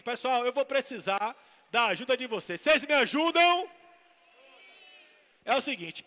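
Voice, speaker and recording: A man's voice: very high-pitched, bright, forceful tone. A man with a Bahian accent performing as a clown magician in a live stage comedy act, teasing the crowd with playful banter. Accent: Bahian Portuguese. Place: shopping mall event stage. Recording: long echoey hall reverb.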